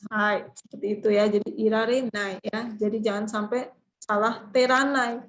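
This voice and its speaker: A woman's voice: fairly high pitch, rough recording. A woman teaching Japanese grammar in an online class, explaining patiently and calling on students to read.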